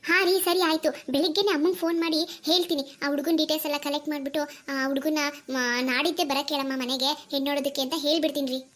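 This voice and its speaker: A woman voicing a gentle, caring young wife in a cartoon who speaks softly and reassuringly. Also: high voice, fairly even intonation, fast talker, background noise, natural voice. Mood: agreeable. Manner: soft, reassuring. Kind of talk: cartoon dialogue acting.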